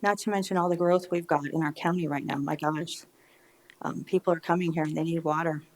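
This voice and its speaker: A woman's voice: low voice, steady tone, fairly quick, a little mellow. American woman in her fifties, speaking with braces. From United States. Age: 50s. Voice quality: slightly slurred articulation from dental braces. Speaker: resident giving public comment. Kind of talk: public comment at a local government meeting.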